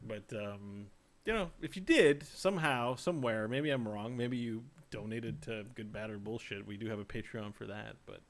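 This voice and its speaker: A man's voice: lowish voice, normal speed. A man hosting a casual livestreamed gaming podcast, rambling and joking as he draws out his setups. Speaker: podcast host.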